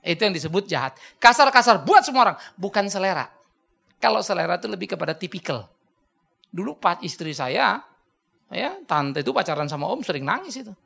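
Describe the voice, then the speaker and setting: A man preaching to a congregation, joking and animated, with sudden loud booming bursts. His voice swoops widely in pitch and carries a gravelly rasp, and its tone is bright and forceful. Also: fairly quick. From Medan, North Sumatra, Indonesia. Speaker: pastor. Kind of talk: lively sermon with questions from the congregation.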